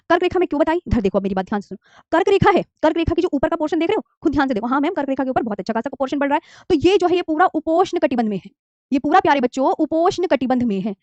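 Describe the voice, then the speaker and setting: A high-pitched woman in her thirties teaches a geography class and calls her students dear children. She coaxes and repeats every key term, often slipping English words into her talk. The recording is dry, dull and lo-fi. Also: a little mellow, no echo. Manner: coaxing, repeats key terms and asks students to say them along. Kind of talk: online geography lesson. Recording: dry, slightly dull lo-fi mic.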